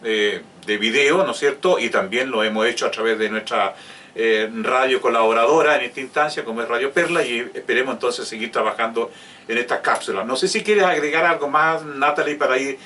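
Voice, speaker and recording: An older man hosting an interview, speaking haltingly with many fillers and addressing viewers directly. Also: medium pitch, pushed and bright. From Chile. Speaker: host of community interview. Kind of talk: informal interview. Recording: distant mic with faint ambient noise.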